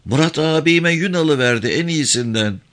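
Man doing bold nine-year-old girl, high voice, earnest insistent chatter, bright tone, audiobook character. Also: lively intonation, moderate pace.

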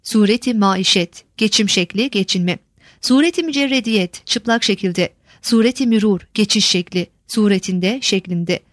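Woman reading a word list, dry. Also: no echo. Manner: measured, list-like reading, stresses each headword higher. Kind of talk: reading a glossary of old words.

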